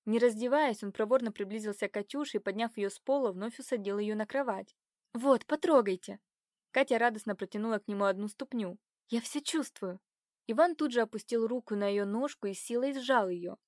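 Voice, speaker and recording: Woman narrator, audiobook, measured even read, mid pitch, dry close mic. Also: no echo. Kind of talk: reading a romance novel aloud.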